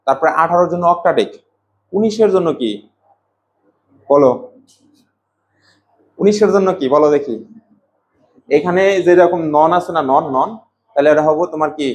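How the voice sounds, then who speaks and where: A man teaching chemistry in a classroom, drilling students with repeated questions and answers. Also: on the high side. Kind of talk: classroom lecture.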